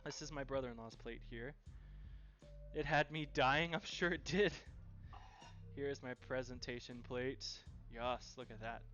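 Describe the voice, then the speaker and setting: A man's voice: mid-range voice, a little slow, sharp tone, lo-fi sound, soft background music. A man running a live cooking stream, chatting and cheerfully thanking viewers as he cooks.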